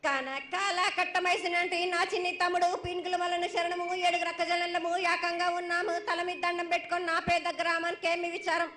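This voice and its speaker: A woman with a Telangana accent chanting ritual invocations as an oracle in a prophetic trance voice, crying out and then dropping lower. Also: flat delivery, fairly quick, few pauses, pushed and bright. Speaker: oracle delivering a festival prophecy. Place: echoey temple festival site. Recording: echoey, with background noise.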